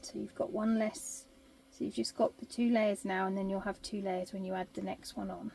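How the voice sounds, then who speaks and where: A woman talking through a sewing tutorial step by step, chatty and practical, her voice going husky at times. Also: medium pitch, little pitch movement, moderate pace, darkish tone. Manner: chatty step-by-step instructions, drops into whispers. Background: sewing machine.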